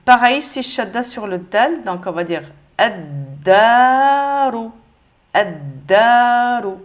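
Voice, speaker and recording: Une femme qui donne un cours de lecture avec patience, en répétant lentement chaque mot. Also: female voice, on the high side, lively intonation, a bit bright. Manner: patient, repeats each word slowly. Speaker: Arabic reading teacher. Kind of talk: step-by-step lesson.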